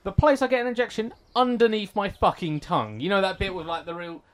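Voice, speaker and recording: A man with a moderately high voice chats casually on a group podcast. His delivery is dry and blunt, with plenty of swearing. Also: fast talker. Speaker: podcast member. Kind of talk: casual group banter and anecdote.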